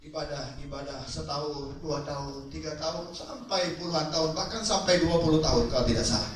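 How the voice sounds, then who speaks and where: A man's voice: fairly high pitch, brisk, slight background noise. A male preacher telling a story in a sermon, with dramatic delivery and a Malay-inflected Indonesian accent. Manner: dramatic storytelling, voices quoted prayers. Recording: very echoey hall from far off.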